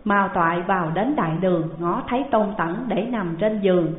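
A woman slowly reading out a classical tale, on a tinny, echoing recording. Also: on the low side. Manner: slow, measured reading. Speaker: storyteller. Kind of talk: scripted narration of a classical tale. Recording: tinny phone-like sound, long hall echo.

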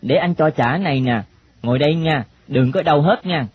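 A man voicing a quick, bossy street boy, in a storybook reading. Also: fairly high pitch, husky, no room sound, voice pushed up. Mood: eager. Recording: dull lo-fi recording, faint hiss.

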